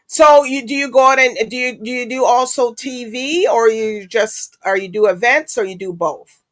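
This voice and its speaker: A woman's voice: a little high, normal speed, no room sound. A woman hosting a talk show in a chatty, casual way, with frequent fillers.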